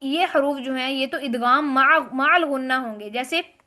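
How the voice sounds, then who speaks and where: A woman teaching a tajweed class, explaining rules step by step and reciting Arabic words slowly and drawn out. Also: high-pitched, bright, forceful tone. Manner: explains rules step by step, asks and answers own questions. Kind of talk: tajweed lesson.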